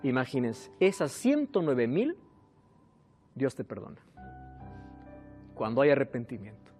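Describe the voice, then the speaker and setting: Lively-voiced man preaching a sermon. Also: medium pitch, unhurried, faint music behind. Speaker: pastor.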